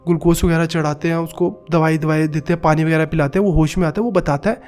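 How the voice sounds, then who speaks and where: High-voiced man telling a horror story. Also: a little mellow. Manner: dramatic, acts out quoted cries and knocks.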